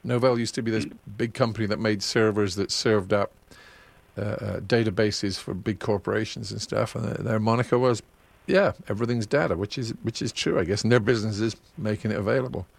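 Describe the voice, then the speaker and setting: Chatty radio host, dry mic. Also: male voice, fairly low pitch, a little fast, gravelly, no echo. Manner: chatty, digressive, laughs at his own asides. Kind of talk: casual radio chat.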